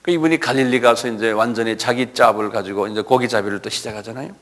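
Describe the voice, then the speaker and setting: A man's voice: medium pitch, fast talker, fairly bright tone, long reverb tail. A male pastor preaching an expository sermon, retelling scenes animatedly with rhetorical asides.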